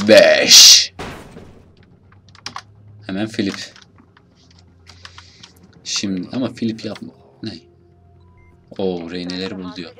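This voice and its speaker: Young Turkish gamer muttering through gameplay. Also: male voice, fairly low pitch, husky. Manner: chatty, swears and mutters at enemies, bursts into loud outbursts. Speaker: gameplay commentator. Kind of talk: casual let's play commentary.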